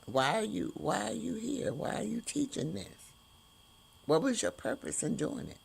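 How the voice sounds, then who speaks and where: A woman hosting an inspirational podcast, speaking in slow, drawn-out emphatic phrases. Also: mid-range voice, big pitch swings, gravelly, breathy edge. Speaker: host.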